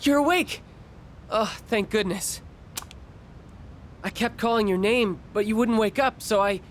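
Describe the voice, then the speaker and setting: A man's voice: high voice, a little slow, a little hiss or hum. A man voicing an earnest, caring teenage boy, a student, in a video game. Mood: worried, relieved. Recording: game music behind the voice.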